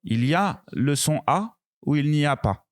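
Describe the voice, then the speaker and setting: Male language teacher, slow patient delivery, repeats each word for beginners, dry room. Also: a little high, animated, no room sound. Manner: slow, patient, repeats words and sounds clearly. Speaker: French teacher. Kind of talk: beginner pronunciation lesson.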